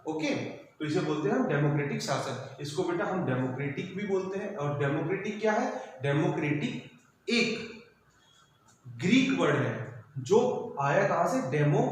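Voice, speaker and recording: A school teacher lecturing a class explains civics concepts in Hindi sprinkled with English terms, going over each point more than once and addressing students as "beta." His voice is slightly high for a man, and heavy room echo rings over faint background noise.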